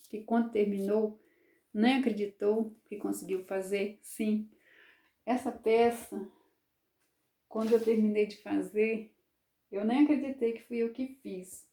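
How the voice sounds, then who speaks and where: A woman's voice: medium pitch, mellow. A woman in her fifties chatting casually to camera as a crochet vlogger, homely and full of little tag questions. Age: 50s. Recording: echoey room.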